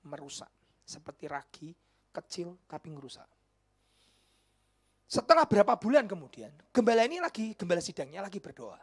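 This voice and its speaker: A man, a pastor preaching a sermon and telling a story. He drops to a whisper when quoting people and rises to loud exclamations. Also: high voice, wildly swooping pitch, fairly quick, pauses often, slightly rough. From Indonesia. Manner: mixes in Javanese words. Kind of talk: sermon with acted-out dialogue.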